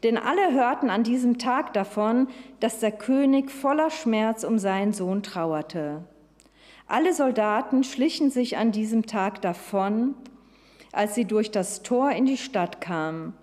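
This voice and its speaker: A woman preaches in a church, speaking slowly and deliberately in a fairly high voice. She tells the story vividly and turns often to address her listeners directly. Her words ring out with the long reverb of a large hall. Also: lively intonation, a little mellow. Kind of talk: sermon.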